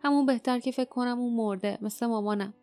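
A woman's voice: a little high, a little mellow, no room sound, faint music behind, natural voice. A woman reading a tough, sorrowful wild young girl in an audiobook, speaking bluntly and clipped.

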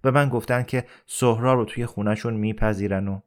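A dying older man, gentle yet persuasive, who talks in a calm and earnest way, as a male reader voices him. His voice sits fairly low, in the measured tone of an audiobook reading. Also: natural voice. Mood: earnest, pleading.

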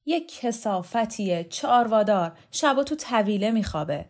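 A woman reader voicing a coarse, domineering woman revolutionary leader who talks loudly and with contempt in an audiobook. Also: medium pitch, expressive, voice pushed up, natural voice. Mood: contemptuous. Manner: loud, insulting, contemptuous. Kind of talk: audiobook character voice.

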